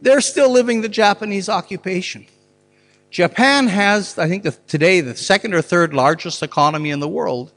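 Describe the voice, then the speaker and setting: In a large hall with long reverb, a man with a high, fairly bright voice gives a public lecture and takes questions at a moderate pace. He argues earnestly and often repeats words while working through a thought.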